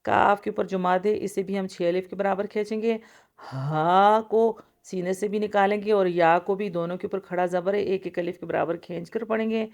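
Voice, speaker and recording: A woman teaches the rules of Quran recitation in a smooth, clear voice. She explains each letter patiently, step by step, and draws out the recited sounds at length. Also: medium pitch, steady tone, a little mellow. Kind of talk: tajweed lesson, explaining and reciting.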